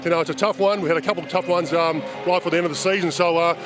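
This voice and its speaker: An Australian man answers questions as a player in an informal sports interview. His voice sits a little high and the words come very quickly, with hesitant, matter-of-fact phrasing. Music plays clearly behind him. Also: steady tone. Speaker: basketball player in half-time interview. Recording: music behind, courtside broadcast sound.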